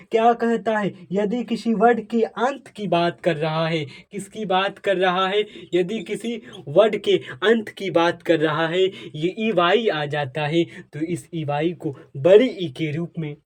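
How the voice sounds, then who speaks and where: High-voiced man teaching with repeated questions. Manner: asks and answers his own questions, repeats points; addresses viewers as dear friends, asks for comments. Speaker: English teacher. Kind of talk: Hindi tutorial on English pronunciation rules.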